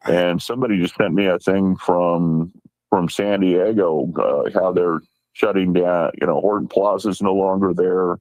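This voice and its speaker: Low guy on a talk show, rambly storyteller, does little voices for quotes, dry mic. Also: fairly even intonation, normal speed, a little mellow, no echo, low-quality recording. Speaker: guest. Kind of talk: casual chat.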